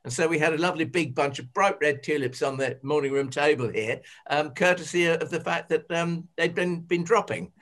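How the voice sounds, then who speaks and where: A man with a slightly high voice chatting casually. He rambles, hesitating and filling pauses as he goes. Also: a bit bright. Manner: rambling, hesitant, with many fillers. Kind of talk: casual chat.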